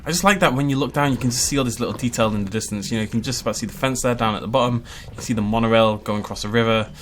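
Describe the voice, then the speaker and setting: Racing through his words in a mid-range voice, a game channel host gives chatty, casual commentary as he builds a video game park. Frequent laughs and playful asides come through over slight background noise.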